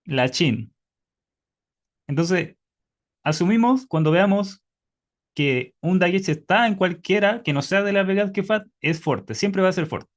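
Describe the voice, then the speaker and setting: Slow, patient teacher on a video call. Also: male voice, sits high, lively intonation. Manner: patient, quizzing students, slow and deliberate. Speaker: Hebrew teacher. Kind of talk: online class by video call.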